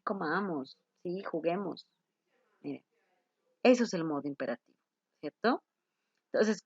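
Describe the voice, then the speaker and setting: Slow-talking woman teacher, dull lo-fi sound. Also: mid-range voice, no echo. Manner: patient, checks in with "¿cierto?" and "¿no?". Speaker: English teacher. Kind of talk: explaining grammar to a class.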